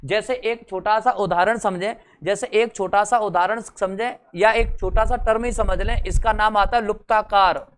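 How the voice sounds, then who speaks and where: Brief: young male teacher, smooth resonant tone, teasing classroom chat, quizzes the class. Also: high voice, steady tone, moderate pace, few pauses. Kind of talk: exam-prep lecture.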